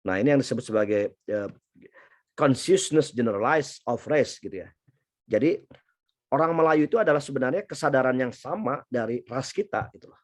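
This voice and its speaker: A man's voice: medium pitch, animated, a little fast. Chatty Indonesian male lecturer. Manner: chatty, anecdotal, many fillers and restarts. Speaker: university lecturer. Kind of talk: casual classroom lecture.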